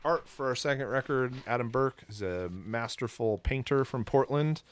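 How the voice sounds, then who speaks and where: A man's voice: mid-range voice, moderate pace, clear, resonant tone, no room sound. A man hosting a casual podcast, rambling and swearing offhandedly. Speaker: podcast host.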